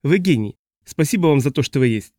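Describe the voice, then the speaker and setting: A man voicing an excited middle-aged man shouting up from a street crowd, in an audiobook reading. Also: fairly high pitch, fairly quick, no echo, studio quality, close to an everyday voice.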